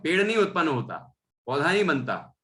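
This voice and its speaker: A man's voice: on the high side, sing-song, fairly quick, fairly bright tone. A man teaching a Jain scripture class, reading a verse and then explaining it, often adding "है ना?". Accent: Indian Hindi. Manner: reads a verse, then explains with tag questions.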